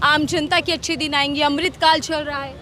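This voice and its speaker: Woman street reporter, high pitch, outdoor vox-pop, challenging tone. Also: level tone, moderate pace, pushed and bright. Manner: pointed, challenging questions.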